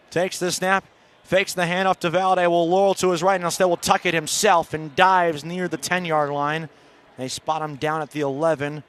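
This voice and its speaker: Calling a college football game live on radio, a man narrates the plays in brief, clipped bursts, his delivery designed to climb during big moments. His voice is fairly high-pitched and a bit bright.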